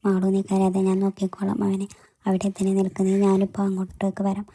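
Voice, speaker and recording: A woman voicing a caring young man in a storybook romance, speaking in a gentle, reassuring way. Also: mid-range voice, monotone, fairly quick, husky.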